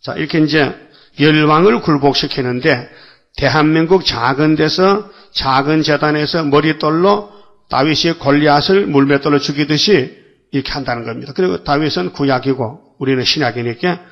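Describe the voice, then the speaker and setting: A man's voice: fairly high pitch, moderate pace, muffled recording. An older man preaching a dawn worship sermon, folksy and full of rhetorical questions to the congregation. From South Korea. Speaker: pastor.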